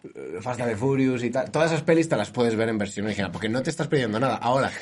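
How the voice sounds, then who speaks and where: A man's voice: medium pitch, racing. A man from Spain, joking and giving opinions in a casual chat.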